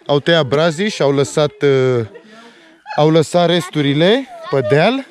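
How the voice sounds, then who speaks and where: A man's voice: fairly high pitch, animated. A man from Romania filming a casual family vlog outdoors in the mountains, teasing his kids and showing them how to do things in a fatherly way. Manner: playful, teasing, fatherly instructing.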